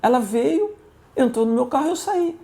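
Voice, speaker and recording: A Brazilian-accented male pastor telling a story in an interview, animated and acting out the voices of the people in it. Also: extremely high pitch, normal speed, gravelly. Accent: Brazilian Portuguese. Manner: animated, acts out quoted voices in his stories.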